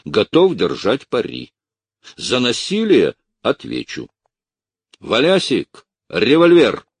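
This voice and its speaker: A stern, harsh military officer giving clipped, forceful orders, voiced by a male storyteller. The voice is husky, with a deep base and lively rises in pitch. The recording is close and dry. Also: slow pace, no echo, exaggerated voice. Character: blunt, stern army officer, commanding and harsh.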